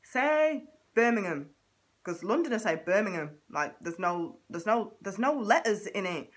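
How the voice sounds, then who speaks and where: A woman's voice: medium pitch, lively intonation, a little slow, breathy edge. A woman in her thirties with a Mancunian accent talks straight to camera in a chatty, comedic vlog. Her voice moves up and down a lot, and she slips into playful exaggerated takes on other people. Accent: Mancunian English. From Manchester, England. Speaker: vlogger.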